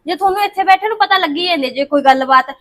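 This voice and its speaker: An actress plays a young married daughter, hurt and arguing back. Her voice is high and her words come fast. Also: close to an everyday voice. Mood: reproachful. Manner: reproachful, argumentative.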